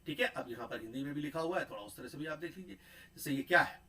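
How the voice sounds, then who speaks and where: A man giving a pronunciation lecture, repeating sounds and words slowly and often checking in with a tag question. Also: on the high side, lively intonation, pushed and bright, rough recording.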